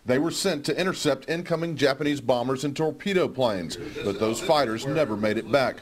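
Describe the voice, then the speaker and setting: A man's voice: mid-range voice, fairly quick. A man narrating a scripted television news story as a field reporter.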